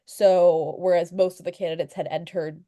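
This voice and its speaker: A young local news reporter from Virginia, USA, sounds sniffly and under the weather as she speaks over a video call as a guest at a club meeting. Her lowish, warm voice moves at a moderate pace in a dry recording. The talk is informal, and she's chatty and relaxed, with fillers, restarts and light laughs.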